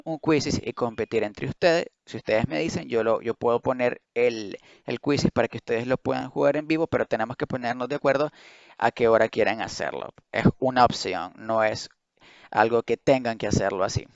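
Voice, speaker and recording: Guy teaching english words, slow careful drills, smooth voice, dry dull lo-fi sound. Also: medium pitch, dry recording. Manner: drills words slowly syllable by syllable, switching between English and Spanish. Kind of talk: online pronunciation lesson.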